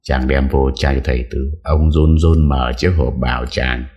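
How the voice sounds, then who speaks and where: A man narrating an audiobook story in a steady storytelling manner. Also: extremely low pitch, moderate pace, highs cut off. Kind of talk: scripted narration.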